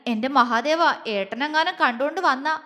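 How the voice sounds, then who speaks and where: A woman's voice: sits high, moderate pace, sharp tone, in a large hall. A woman voicing a playful young man who teases his sister-in-law. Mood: worried. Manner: teasing, playful.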